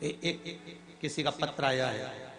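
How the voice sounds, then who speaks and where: A man's voice: medium pitch, slow, reverberant, a crowd in the background. A man preaching a live religious discourse to a large gathering, calling on the listeners to answer and building up his emphasis on key words. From central India. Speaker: devotional storyteller preacher.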